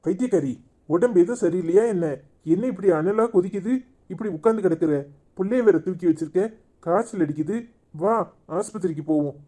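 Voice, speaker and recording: A man's voice: high voice, a little fast, mellow. A man voicing a scolding village husband torn between two wives, with a Tirunelveli Tamil accent. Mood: worried. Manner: scolding, name-calling. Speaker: voice actor in a cartoon comedy. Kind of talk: village cartoon drama.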